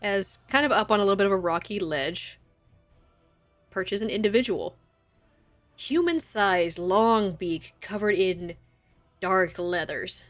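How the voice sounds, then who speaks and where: A woman's voice: mid-range voice, unhurried, pauses often, faint music behind. A woman acting as game master, narrating a tabletop game in a casual way with easy laughs between rules calls.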